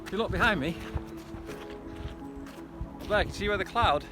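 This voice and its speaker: A man with a high voice talks at a moderate pace to his viewers while running outdoors, music playing behind him. His vlog chat is conversational and encouraging, recorded on a hillside trail by reservoirs.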